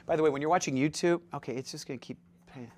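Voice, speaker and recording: A man giving a live seminar talk as presenter, jokey and lively, quizzing his audience with questions. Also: a little high, racing. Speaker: presenter at a dental practice seminar.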